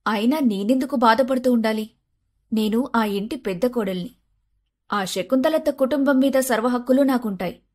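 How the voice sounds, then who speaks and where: A scheming young daughter-in-law voiced by a woman with a fairly high, pert voice for an animated moral story. She talks sharply, sliding into sugary sweetness when she wants something. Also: normal speed, natural voice.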